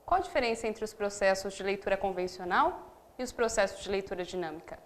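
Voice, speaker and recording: A woman interviewer asking prepared questions in a formal, measured way. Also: medium pitch, animated.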